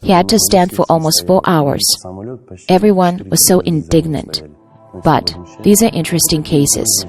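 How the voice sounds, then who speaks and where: A woman reading a scripted documentary voice-over in an even, measured way. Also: deep voice, faint music behind. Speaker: voice-over translator.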